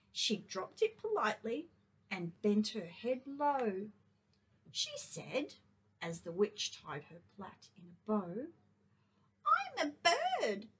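A kindergarten teacher reading a picture book aloud to children, gentle and expressive. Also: female voice, a little high, breathy edge.

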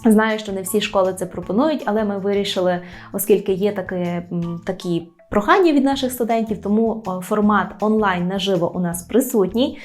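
Female language teacher, patient and clear, mid-range voice, soft music bed. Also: mid-range voice. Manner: clear, patient explaining with slow, careful demonstration of words. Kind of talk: online language lesson.

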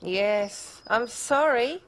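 A woman voicing a gentle, patient tortoise in a cartoon, explaining things in a calm and kindly way. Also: a little high, drawn-out words. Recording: music playing underneath.

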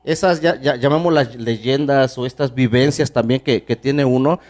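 A man's voice: medium pitch, normal speed, darkish tone. A man with a Mexican accent hosting a podcast, praising his guest in an eager, rambling way with many restarts. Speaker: podcast host. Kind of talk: casual podcast conversation.

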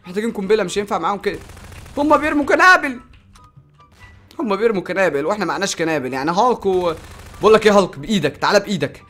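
An excitable young gaming host with an Egyptian Arabic accent, racing through his commentary. His voice sits high and swings widely as he shouts commands and celebrates each hit. He sounds bright and sharp, with faint music under him. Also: racing. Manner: excitable, shouts orders and cheers.

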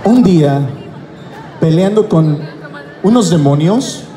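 Brief: playful man, high voice, unhurried delivery, at a convention mic, echoey hall, loud crowd behind. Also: expressive, slight background noise. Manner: joking, playful, laughs at his own jokes. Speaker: voice actor guest at a fan convention. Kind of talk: stage talk to a fan crowd. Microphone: handheld mic, filmed from the audience.

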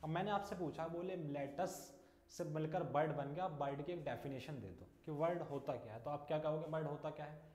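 A man's voice: on the high side, a little fast, a little mellow. A male teacher giving an English lesson, asking questions and repeating the answers. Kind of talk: classroom English lesson in Hindi. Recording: echoey room.

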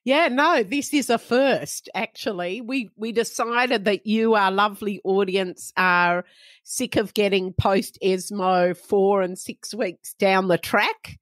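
A woman co-hosts a podcast in a relaxed, unhurried way, full of playful asides. Her voice sits in the middle range. The sound is dry and close. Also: medium pitch, no echo. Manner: chatty, playful, quick asides. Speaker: podcast co-host. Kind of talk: casual chat.

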